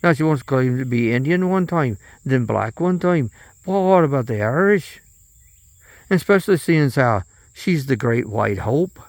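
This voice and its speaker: A man's voice: medium pitch, animated, moderate pace, no room sound. A man delivering a rambling, profane political monologue, often trailing off and restarting.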